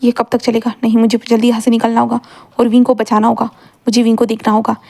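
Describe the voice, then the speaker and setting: A woman's voice: a little high, monotone, fast talker, vocal fry, dark tone. Woman voicing a cold mafia boss thinking. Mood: anxious. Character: cold young male mafia boss, worried.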